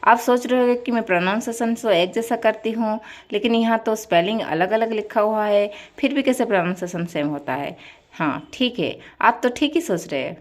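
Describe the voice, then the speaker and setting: A woman's voice: a little high, normal speed. A young woman teaching an English lesson. She spells words out letter by letter and asks her class questions, then answers them herself.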